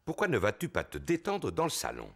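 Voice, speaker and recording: A man playing a jolly, bumbling daddy pig in a French children's cartoon, with an exaggerated, expressive delivery. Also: medium pitch, a little fast, exaggerated voice. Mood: jovial. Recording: music behind the voice.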